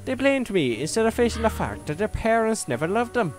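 A man's voice: high voice, big pitch swings, a little fast, faint music behind, pitched above the performer's own voice. A man puts on a lanky skeleton in a top hat from a spooky video game, with a put-on Irish lilt. He is sly, chummy and theatrical, voice raised well above the man's own. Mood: persuasive.

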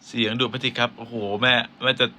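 A singer hosting a live stream, chatting with fans in a playful, teasing way. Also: male voice, medium pitch, monotone, fast, very noisy. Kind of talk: casual live-stream chat.

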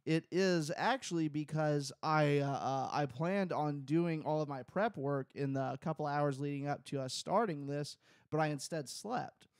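A man in his thirties co-hosts a podcast from a small home room, rambling casually with crude jokes and plenty of fillers. His voice is a little high and his pace measured. He uses a close studio boom mic and headphones, so the sound is studio quality with no echo.

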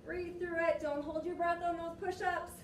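A young woman working as an aerobics instructor, calling out cues and encouragement in short, energetic, motivating bursts. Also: very high voice, normal speed. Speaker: aerobics and fitness class instructor. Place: large gym studio, indoors. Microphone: distant camera microphone. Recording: echoey gym, distant mic, noisy.

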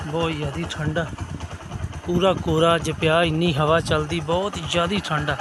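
A man's voice: on the high side, little pitch movement, normal speed. A man with a Punjabi accent vlogging casually outdoors, talking tenderly and coaxingly in short, repeated calls and exclamations. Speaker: vlogger feeding stray puppies. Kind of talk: casual outdoor phone vlog, chatting to animals and viewers. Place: outdoors in the open. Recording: noisy outdoor phone recording.

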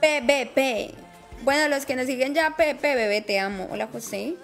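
A woman's voice: high voice, normal speed, soft background music. A woman live-streaming a game in casual chat, affectionate and talkative, greeting viewers by name.

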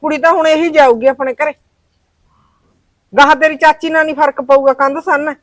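A woman's voice: high-pitched, steady tone, fairly quick, dry recording, natural voice. A woman playing a bossy, scolding village mother. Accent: Malwai Punjabi. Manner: scolding, commanding. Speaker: mother-in-law. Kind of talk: village short-film acting.

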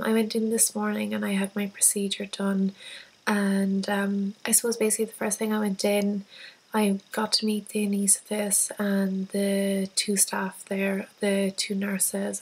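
A woman speaks in a casual, soft video-diary style. Her nose sounds packed and stuffy, and her voice is husky. The delivery stays extremely even in pitch, calm and a bit hesitant. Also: rough recording. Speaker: patient recounting recovery. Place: small plain room indoors.

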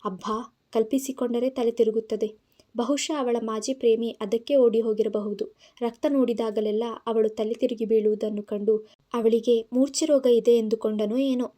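Mellow-voiced woman narrating a story. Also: a little high, steady tone, moderate pace. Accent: Kannada.

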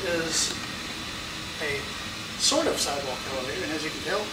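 A man's voice: a little high, animated, normal speed. A man filming and explaining an elevator ride in an eager, pointing-things-out way, speaking into a handheld camera inside a small cab. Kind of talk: casual guided walkthrough. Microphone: handheld camera mic. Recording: roomy, distant, loud background noise.

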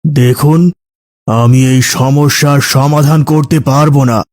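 Man playing a slow, solemn old cleric. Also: medium pitch, steady tone, a little mellow, lightly acted. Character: grave older male village cleric.

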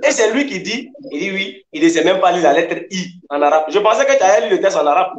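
A man with a high voice argues over a video call, lecturing and insistent. He presses his points again and again. His sound carries a noticeable room echo. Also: animated, fast, highs cut off, a little hiss or hum. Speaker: debater. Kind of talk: heated online debate.

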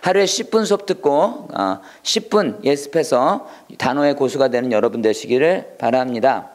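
A man teaching English vocabulary in a video lesson, repeating words slowly and acting out little taunts. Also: mid-range voice, expressive, a little mellow.

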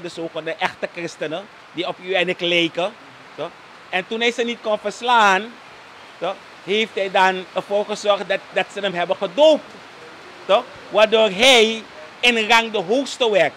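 A political commentator with a Surinamese Dutch accent takes his time as a guest on a live talk show, his high voice bright and forward. Nearly every sentence gets a "toch?" tacked on, and Sranan phrases slip in. A faint hiss sits under the audio.

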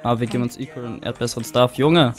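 A woman's voice: a bass voice, fairly even intonation, rapid-fire, a little mellow, faint music behind. A woman co-player in a casual game session, dry and teasing, chatting over voice chat.

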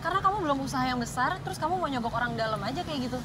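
A woman's voice: high voice, animated, very fast, background noise. A young woman in a film drama, firmly reproaching her fiancé. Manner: reproachful, firm. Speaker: bride-to-be.

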